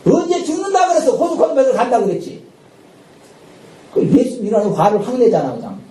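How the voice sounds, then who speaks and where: A male pastor preaching a sermon with lively energy, often shouting out dramatic lines and laughing. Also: extremely high pitch, fast talker. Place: church sanctuary at a Friday night service. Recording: echoey church hall, distant mic, faint noise.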